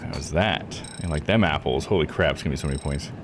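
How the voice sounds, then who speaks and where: A man with a bass voice talks fast while streaming a video game, giving casual, slangy live commentary and muttering to himself with mild swearing. Loud video game music plays behind him, making the background noisy.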